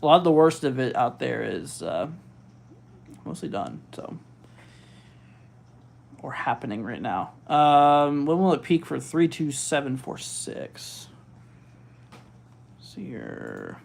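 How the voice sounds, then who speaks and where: A man hosting a live weather stream, giving casual, halting commentary as he thinks aloud and reads out figures. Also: mid-range voice, lively intonation, vocal fry, a little mellow. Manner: informal, halting, thinking aloud while looking things up. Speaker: weather livestream host.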